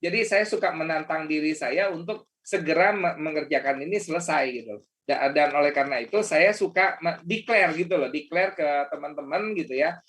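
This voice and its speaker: A man's voice: fairly high pitch, normal speed, hardly any pauses, fairly bright tone. A man giving a casual motivational webinar talk as a coach, chatty and full of fillers and restarts. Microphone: video call.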